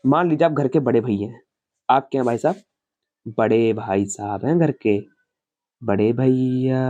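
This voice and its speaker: A man's voice: mid-range voice, dark tone, muffled recording. A man teaching a science class in a casual, chatty way, asking questions and answering them himself and explaining with homely family stories.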